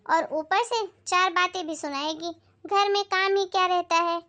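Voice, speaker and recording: A woman's voice: very high-pitched, fairly even intonation, normal speed, pushed and bright. A woman playing an outspoken young married daughter who complains about her in-laws, in a family moral skit. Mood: aggrieved.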